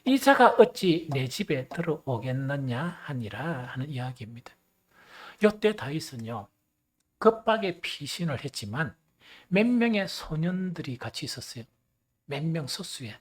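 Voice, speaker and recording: A male pastor preaching a sermon, animated and swinging between loud and hushed. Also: fairly high pitch.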